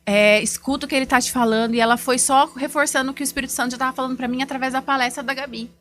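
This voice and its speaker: Lively, heartfelt woman telling her story. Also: sits high, rapid-fire. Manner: lively storytelling that acts out remembered dialogue; heartfelt, faith-filled and emotional. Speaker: image consultant, podcast guest. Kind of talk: personal testimony in a podcast interview.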